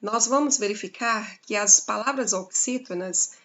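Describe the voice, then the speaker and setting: A woman's voice: medium pitch, fairly bright tone. A woman teacher with a Brazilian accent giving a grammar lesson to her class, explaining step by step and checking in with "né?". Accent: Brazilian Portuguese. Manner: explains slowly, spelling out examples with frequent "né?". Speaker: Portuguese teacher.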